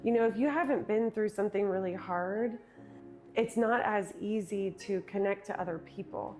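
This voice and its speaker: A woman speaking as an interview guest, reflecting earnestly on her work as a speaker and retreat host, sometimes speeding up and sometimes slowing down. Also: mid-range voice, darkish tone, faint music behind. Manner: earnest, with quick and slow stretches, laughs easily.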